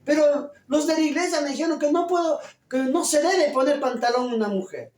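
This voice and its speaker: A distressed young woman pleading urgently with her pastor, as a man preaching puts on her voice. The voice rides noticeably higher than the speaker's own, and it rings with the echo of a large church hall. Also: fairly quick, darkish tone.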